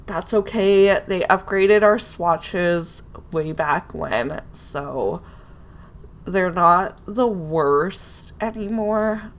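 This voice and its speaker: A woman with a fairly low voice draws out her words, sounding nasal and congested from a cold. As a Sims building creator, she offers easygoing live commentary on her build, chatting away to herself.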